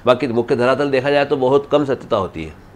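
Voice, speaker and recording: A man with an everyday mid-range voice speaks as an astrologer being interviewed. He answers at length in a halting way, often cutting off words and starting again. His talk is unscripted and wandering. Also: medium pitch, a little mellow, a little hiss or hum. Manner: halting, many restarts, explains at length. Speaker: astrologer guest.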